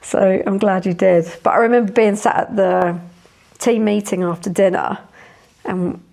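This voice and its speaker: A woman's voice: medium pitch, fairly even intonation, moderate pace, vocal fry, a little mellow. A woman hosting a casual interview, chatty and rambling, letting sentences trail off. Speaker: podcast host.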